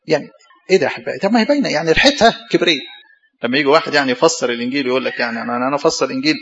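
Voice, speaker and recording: Rapid gravelly Egyptian priest preaching. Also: male voice, a little high, dull audio. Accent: Egyptian Arabic. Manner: animated, mocking asides to the congregation. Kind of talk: sermon.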